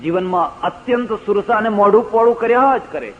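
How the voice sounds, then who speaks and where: An older man with a Gujarati accent delivers a religious discourse full of anecdotes, slipping into the voices of the people in his stories. His voice sits somewhat high, and the recording is dull and lo-fi like an old archival tape. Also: animated, a little fast. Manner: storytelling, acts out quoted voices, rising emphatic stresses. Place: lecture hall.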